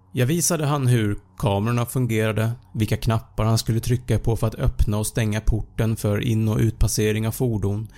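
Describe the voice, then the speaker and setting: A man narrating a first-person horror story in a measured, suspenseful way. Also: on the low side, warm tone. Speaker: podcast narrator.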